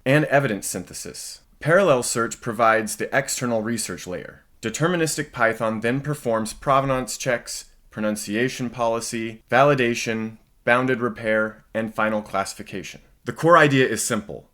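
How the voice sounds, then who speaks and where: A man giving a scripted narration of a software demo as its presenter. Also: mid-range voice.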